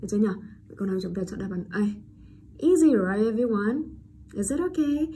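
A woman teacher giving a pronunciation lesson, drawing out and repeating each English word loudly before explaining it. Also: mid-range voice, lively intonation, a little fast, slight background noise.

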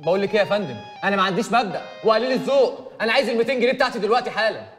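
An actor playing a cheeky, tip-hungry hotel porter with an Egyptian accent, fawning and then stubborn. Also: male voice, sits high, expressive, very fast, fairly bright tone, in a large hall, soft background music. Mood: insistent. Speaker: hotel bellboy. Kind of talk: TV comedy series acting.

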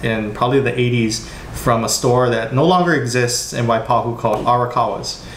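A man from Hawaii, US, casually demonstrates a recipe in his home kitchen. His mid-range voice is brisk and somewhat bright, and the recording has roomy kitchen echo plus background noise.

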